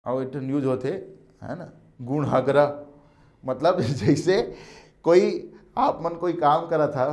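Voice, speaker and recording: A male teacher with a Chhattisgarhi accent gives an exam coaching lecture. He talks in an animated, emphatic way, repeats key words and calls his students "beta". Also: medium pitch.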